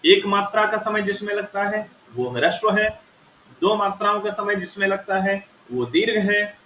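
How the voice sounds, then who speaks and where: A fairly high, bright male voice patiently walks through a grammar lesson, sounding out each vowel so the listener can hear it. The room rings with a noticeable echo. A faint hiss sits under the voice. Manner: patient, explains step by step and demonstrates sounds aloud. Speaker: Sanskrit teacher. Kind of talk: explaining Sanskrit grammar lesson. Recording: echoey room with faint noise.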